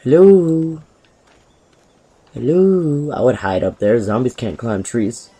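A young man chatting excitedly over a game he is playing, rambling with filler words and sudden jumps in pitch. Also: normal speed, breathy edge. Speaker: gameplay commentator. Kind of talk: casual let's-play commentary.

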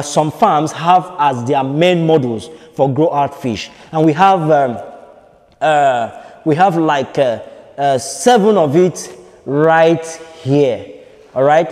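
A young man from Nigeria walks the camera through bare concrete halls, and his voice rings with a long echo off the walls. He talks in a fairly high but mellow tone, stopping often to restart and repeat himself. It sounds like an unscripted tour of a farm site. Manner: hesitant, repeats phrases, many fillers. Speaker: fish farm consultant giving a site tour. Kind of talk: walking video tour. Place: large concrete fish farm buildings, partly open-air.

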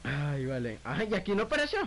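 A man's voice: fairly high pitch, wildly swooping pitch, fast talker, fairly bright tone. A man with a Venezuelan accent giving casual gameplay commentary with a friend, laughing often and swearing casually. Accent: Venezuelan Spanish. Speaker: gaming video creator.

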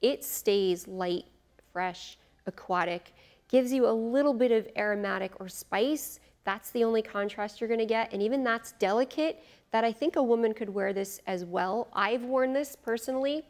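A middle-aged fragrance reviewer talks to camera in a studio with a beach backdrop, chatty and enthusiastic as she reviews perfumes casually, thinking aloud with fillers and asides. Recorded on a lapel mic, her voice is fairly high and darkish in tone, at a normal speed.

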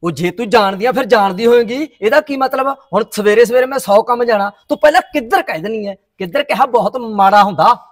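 A man's voice: very high voice, a little fast, few pauses. Brief: actor as a pompous village dad set on winning the election, grumbling back at his wife. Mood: defensive. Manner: defensive, self-important grumbling. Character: boastful village father chasing the sarpanch post.

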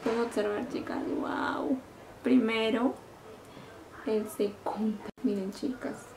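A middle-aged woman vlogger demonstrating makeup in a casual, excited, gushing way, full of fond little diminutives. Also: fairly high pitch, slow, vocal fry, noisy background. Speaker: beauty vlogger. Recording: echoey room.

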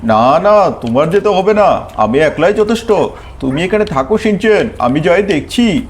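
A man plays a scrappy cartoon-style talking dog with a high voice, boastful and protective of his turf. Faint noise sits under the game audio. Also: animated, normal speed.

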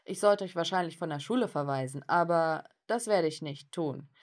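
A stern male school principal from an animated story, voiced by a woman. He lectures in a firm, measured way. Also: deep voice.

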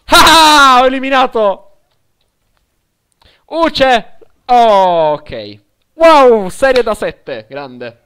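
Young Italian male streamer, smooth voice, unhurried, loud excited yelps in fights. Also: mid-range voice. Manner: excitable, shouting during fights, mutters setup aloud. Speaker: gaming streamer. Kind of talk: live gameplay commentary.

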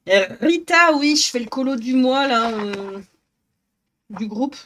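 A woman's voice: high-pitched, expressive, slow, a bit bright, a little hiss or hum. A woman streaming live, chatting casually with her viewers, greeting them by name and joking about herself. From northern France. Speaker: Twitch streamer. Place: home office.

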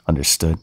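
A man performs the part of a male vampire centuries old in an audio roleplay. He sounds condescending and teasing, then turns suddenly threatening.

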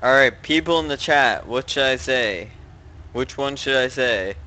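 Forceful, slangy male game streamer. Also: medium pitch, measured pace. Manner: crude, jokey, slangy. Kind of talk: casual live gameplay commentary.

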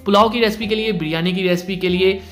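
A man's voice: sits high, fairly even intonation, fast, faint music behind. A man hosting a cooking tutorial in voice-over, with instructive delivery that keeps repeating warnings. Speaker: cooking channel host.

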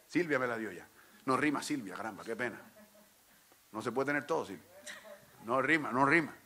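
Middle-aged man teaching a workshop, bright, forceful, playful explainer. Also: medium pitch, animated, a little fast. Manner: chatty, joking, explains step by step. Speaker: workshop teacher of improvised verse. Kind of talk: lively talk to a live audience.

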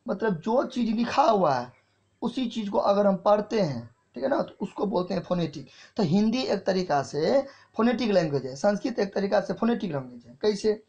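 A man with an Indian accent lectures an English class, slowly repeating key phrases as if dictating and often checking that things are clear. His voice sits high, animated and darkish in tone, on a dull lo-fi recording.

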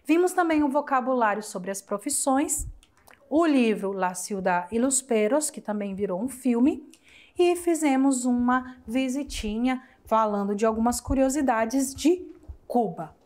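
A slightly high, lively-toned voice belongs to a young adult Brazilian Spanish teacher recording an online class explanation in a Brazilian Portuguese accent. Friendly and fond of her students, she chats freely, answers questions she raises herself, and spells words out in slow, syllable-by-syllable drills.

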